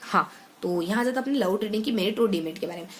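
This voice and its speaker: A woman's voice: mid-range voice, rapid-fire, slight background noise. A young woman teacher speaking English words, explaining exam material through mnemonics and often correcting herself. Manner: explains with mnemonics, repeats points, many self-corrections. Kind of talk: exam-prep lecture.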